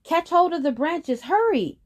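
A woman voicing a brave, defiant little boy who shouts his refusals in a high voice. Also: expressive, unhurried. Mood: urgent.

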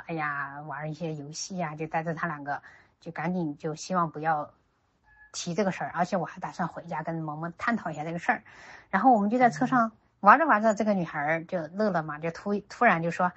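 Casual: low husky mom rattling off a parenting story quick, acting out the dialogue, muffled lo-fi sound. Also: female voice, a bit bright. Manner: retells with quoted dialogue, many restarts. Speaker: parent sharing parenting advice. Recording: dull lo-fi recording.

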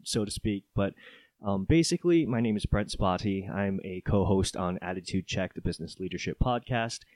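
A young man from Hawaii, a podcast guest, telling his story in a friendly, relaxed way. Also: low-pitched, dry recording. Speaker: podcast guest, co-host of his own show. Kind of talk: casual interview chat.

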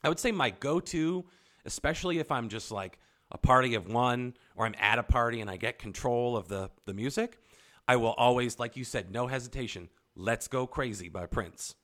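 A young man co-hosting a podcast, telling stories in animated casual chat and swearing often. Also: mid-range voice, normal speed. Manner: animated storytelling, frequent swearing. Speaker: podcast co-host.

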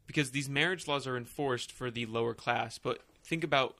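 A man in casual podcast chat who speaks bluntly and swears freely. His voice is bright and forceful at an ordinary pitch. He slips in sarcastic jokes between his arguments. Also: moderate pace.

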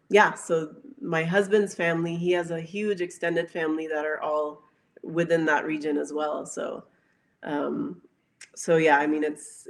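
A woman with a low, creaky voice chats casually as an interview guest, pausing often and letting her phrases trail away.

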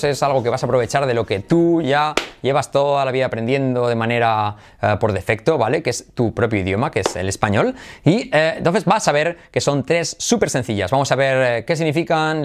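Lively Spanish man teaching English. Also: medium pitch. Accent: Spanish from Spain. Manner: lively, jokey, switches between English and Spanish. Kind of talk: bilingual language lesson.

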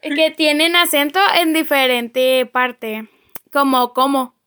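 A young woman co-hosts a casual chat with her sister, rambling, correcting herself as she goes, and laughing. Her voice is high-pitched and bright with a forceful tone, and she speaks slowly.

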